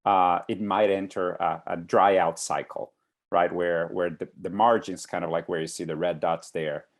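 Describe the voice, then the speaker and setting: A man's voice: deep voice, steady tone, normal speed. A man from Brazil giving an online class presentation, speaking with many fillers and restarts. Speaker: guest speaker. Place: home in Brooklyn.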